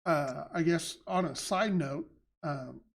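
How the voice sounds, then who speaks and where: A man's voice: a little high, takes it slowly, creaky, slightly rough. A man hosting a casual live stream, rambling through answers with restarts and fillers. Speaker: game company head and show host. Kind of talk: casual livestream chat.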